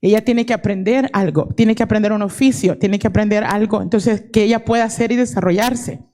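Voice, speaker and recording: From the audience of a conference hall, a woman in her forties offers a heartfelt personal testimony, slipping English words into her Spanish. Her voice is mid-range and dark, and she talks fairly quickly.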